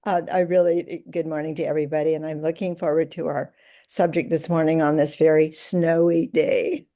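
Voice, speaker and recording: A woman's voice: low-pitched, little pitch movement, moderate pace, warm tone. A woman greeting a discussion group in a cheerful, easygoing way.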